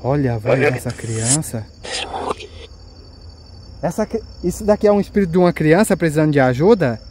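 A man's voice: fairly high pitch, animated, moderate pace, slight background noise. A man with a Brazilian Portuguese accent, hosting a paranormal investigation vlog outdoors at night, talking in an anxious, exclamatory way and pointing things out as he goes. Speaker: paranormal investigator, channel host. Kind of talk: live ghost-hunting vlog commentary. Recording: loud crickets and insects behind.

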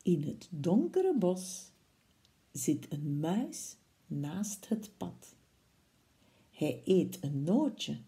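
A woman teacher, reading a picture book aloud to her pupils in an expressive storybook style. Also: lowish voice, extremely slow, long pauses.

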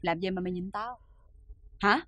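A woman's voice: mid-range voice, moderate pace, fairly bright tone, no echo, close to an everyday voice. An actress in a Vietnamese TV drama, playing a harsh, bullying woman who barks orders at her henchmen. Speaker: thug leader in TV drama.

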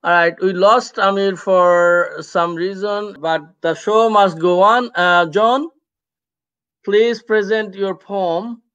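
A man with a fairly high voice introduces poets one by one, slowly, with frequent pauses. He sits well back from the mic on a video call. The sound is dull and lo-fi. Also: fairly even intonation, fairly bright tone, clean tone, distant mic. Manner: slow, hesitant, many "uh" fillers. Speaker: host of an online poetry reading. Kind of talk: live online show introduction.

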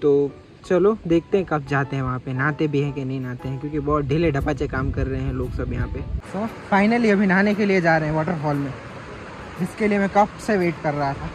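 A man's voice: fairly high pitch, brisk, over music. A young man chatting playfully and upbeat as a travel vlogger on a mountain trail, talking into a handheld camera. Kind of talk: casual travel vlog narration.

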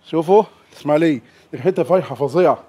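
A man's voice: a little high, racing, mellow. A man with an Egyptian Arabic accent chatting casually as he tours a produce market, repeating prices back to viewers. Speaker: vlogger touring a produce market. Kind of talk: casual on-location chat and price commentary. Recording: muffled outdoor market recording, street noise.

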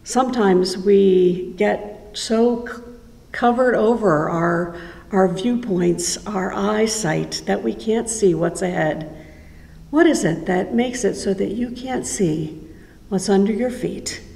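A woman's voice: medium pitch, takes it slowly, gravelly, a little mellow. Woman speaking in an echoey church sanctuary. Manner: chatty and conversational, with frequent ums. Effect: cathedral-like echo. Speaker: church speaker giving a devotional. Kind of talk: informal devotional message.

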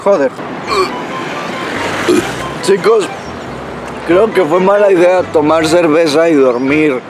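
Hoarse young vlogger. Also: male voice, a little high, takes it slowly, background noise. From Colombia. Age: young adult. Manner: playful, crude, exaggerated outbursts. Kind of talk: joking handheld vlog. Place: outdoors in a city street. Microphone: handheld camera at arm's length.

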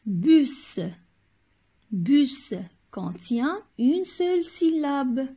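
A woman kindergarten teacher giving a slow lesson for young children, saying each word carefully, repeating it and praising the class. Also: sits high, animated, warm tone.

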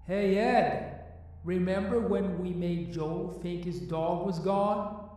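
A man narrating a story voices another man calling faintly up from deep down a well, hushed and drawn-out with a slight sing-song. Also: very echoey, faint music behind. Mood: eerie. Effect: distant voice from far down a well.

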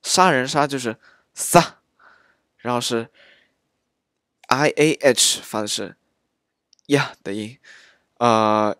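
A man walks through dialect sounds one by one in a very slow, halting way, often pausing on filler sounds. His voice sits at a middling pitch. The recording is dry and close, with no room sound. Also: a bit bright, dry recording. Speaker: dialect teacher. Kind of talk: pronunciation lesson.

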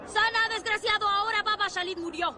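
A woman voicing a mournful high-voiced neighbor. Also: steady tone, a little fast. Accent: Latin American Spanish. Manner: mournful, sorrowful. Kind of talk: Latin American Spanish film dub. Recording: loud crowd and noise.

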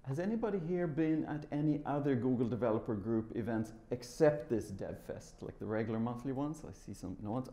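In a big lecture room full of seated attendees, a software developer from Sweden, middle-aged, presents at a tech conference in a relaxed, conversational manner. His voice is of medium pitch with a dark tone.

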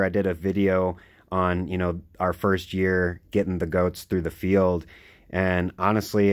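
A young man casually narrating his homestead work outdoors, rambling and eager, with lots of "you know" fillers. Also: deep voice. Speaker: homesteader vlogger.

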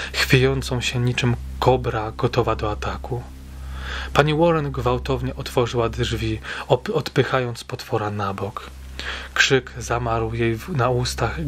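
A man reading a story aloud in a steady, measured way, as an audiobook narrator. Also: mid-range voice, slight background noise.

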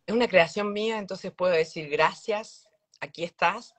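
A woman's voice: lowish voice, normal speed. A woman host, telling a personal story in a heartfelt, casual chat.

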